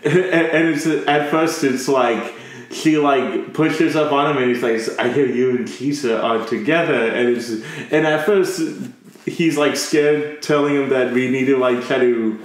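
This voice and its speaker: A man's voice: medium pitch, measured pace. A man co-hosting a casual review chat, rambling with lots of fillers and acting out scenes. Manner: rambling, filler-heavy, quotes scenes in funny voices. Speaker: podcast co-host. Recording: very echoey room with faint noise.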